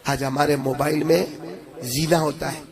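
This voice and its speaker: Impassioned male preacher, high gravelly voice. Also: little pitch movement, unhurried, a crowd in the background. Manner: impassioned, rising into chanted sing-song. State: voice a bit strained. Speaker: Islamic preacher. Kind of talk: Urdu-Hindi religious sermon. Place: religious gathering with audience.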